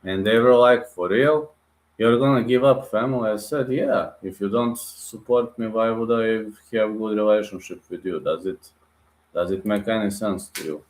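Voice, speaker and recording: This man speaks at a moderate pace in a fairly low register, his voice echoing around a large room. He hosts a livestream from Bulgaria, bluntly responding to viewer comments, addressing everyone as "guys" with non-native phrasing.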